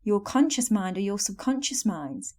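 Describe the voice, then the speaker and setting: Young female podcast host, warm dark timbre, earnest coaching delivery. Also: medium pitch, big pitch swings, normal speed. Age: young adult. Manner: earnest, coaching tone with soft self-help phrasing. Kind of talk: scripted solo podcast talk.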